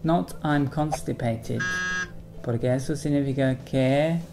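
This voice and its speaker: A man teaching English vocabulary in a bilingual lesson, repeating each model sentence slowly and carefully. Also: mid-range voice, gravelly, music in the background.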